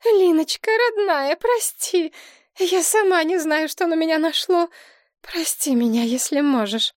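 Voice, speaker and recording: A woman voicing a hysterical middle-aged widowed mother who wails and sobs in shrill outbursts. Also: big pitch swings, measured pace, dry recording, clean studio sound. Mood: sobbing. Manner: shrill, wailing, sobbing outbursts.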